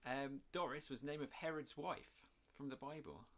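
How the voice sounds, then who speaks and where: A man's voice: medium pitch, fairly even intonation, normal speed. A man co-hosting a podcast in casual chat, making dry wisecracks and sharing trivia. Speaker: podcast co-host.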